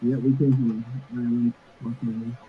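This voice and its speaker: A man's voice: medium pitch, flat delivery, moderate pace, a little hiss or hum. A man chatting casually over a video call, his stream audio muffled and underwater-sounding as the connection drops. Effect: muffled, underwater-sounding dropping stream audio. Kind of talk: casual livestream chat.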